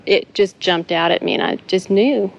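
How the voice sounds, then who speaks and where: A woman's voice: medium pitch, moderate pace, vocal fry, lo-fi sound, a little hiss or hum. A woman from Texas giving an earnest testimonial about a course she took. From Texas, USA. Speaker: course graduate. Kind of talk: testimonial interview.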